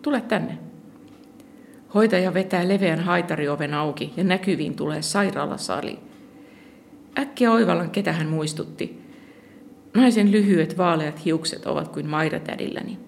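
A narrator reading a first-person literary story aloud in a calm, measured way. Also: mid-range voice, creaky, a little hiss or hum. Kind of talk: scripted audiobook narration of literary fiction.

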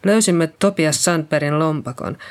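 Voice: medium pitch, clean tone, close to an everyday voice. An audiobook reader voicing a thin male police officer who questions a witness in a cold, curt, probing way. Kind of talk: audiobook character reading.

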